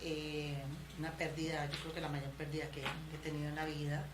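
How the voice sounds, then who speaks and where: Interview guest: woman, 50s, Cali Colombian accent, low voice, halting delivery, noisy room. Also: level tone. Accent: Colombian Spanish from Cali. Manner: hesitant, many fillers and restarts. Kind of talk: relaxed personal storytelling. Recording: noisy background ambience.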